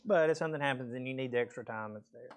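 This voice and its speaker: A man's voice: medium pitch, rapid-fire, clean tone. A man teaching a math class, explaining step by step in a casual way with frequent okays, his voice a bit weak and a peppermint in his mouth. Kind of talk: classroom lecture.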